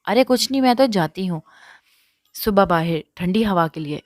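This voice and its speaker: A woman's voice: medium pitch, expressive, no room sound, close to an everyday voice. Woman voicing an affectionate, evasive young sister. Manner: quick, bright, dodging.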